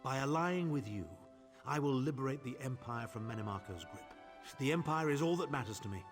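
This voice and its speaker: A man's voice: mid-range voice, animated, fairly quick, over music, lightly acted. An actor playing a haughty, scheming aristocratic male chancellor in a video game, speaking pompously. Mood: bitter. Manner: pompous, grandiloquent.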